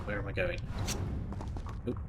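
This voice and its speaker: A man's voice: low voice, flat delivery, measured pace, very noisy. A man giving casual, wry and sweary commentary as he plays a video game. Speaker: video game let's player. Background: video game music.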